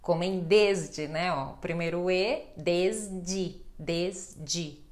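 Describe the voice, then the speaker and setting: Slow, patient Brazilian woman teaching. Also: on the low side. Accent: Brazilian Portuguese. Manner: patient, reassuring, spells out example words. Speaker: Portuguese teacher. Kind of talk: slow pronunciation lesson.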